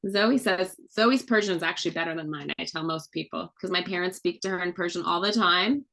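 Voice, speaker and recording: A mother who writes children's books chats casually on a video call, reading aloud and teaching kids with questions and fun facts. Her voice is on the low side, brisk and fairly bright with vocal fry, in a rough recording.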